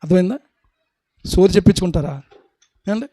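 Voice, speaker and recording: A man's voice: high voice, brisk, mellow, no echo. A male pastor preaching a sermon, asking the congregation rhetorical questions and acting out short scenes. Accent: Telugu.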